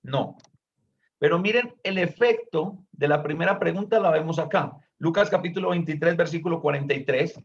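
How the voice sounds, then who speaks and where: A man's voice: a little high, normal speed. A man teaching a Bible study, explaining earnestly and stepping in to correct a student, on a dull lo-fi recording.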